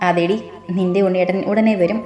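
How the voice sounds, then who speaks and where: A woman voicing a calm, quietly confident young man who plays the protective big brother in an audio story. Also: on the low side, a little fast, lightly acted. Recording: roomy with faint music.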